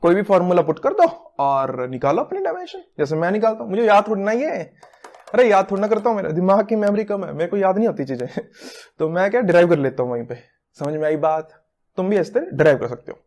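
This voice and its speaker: A man's voice: high-pitched, lively intonation, fast, a little mellow. Playful, teasing man teaching physics. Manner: playful, teasing, self-mocking. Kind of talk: recorded classroom lecture.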